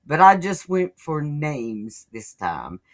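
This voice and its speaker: A woman co-hosting a podcast, talking slowly and effusively with a lively, swooping pitch. She often stumbles and restarts her phrases. Her warmth toward listeners comes through in gushing remarks. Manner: effusive, stammering restarts, unhurried. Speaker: podcast co-host. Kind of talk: casual podcast chat.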